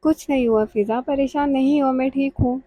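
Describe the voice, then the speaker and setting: A subdued young woman speaks in short, quiet replies, read by a woman narrating a novel. Her voice sits fairly high but sounds mellow. The sound is close and dry. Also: fairly even intonation, dry recording. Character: young woman, grieving and guilt-ridden.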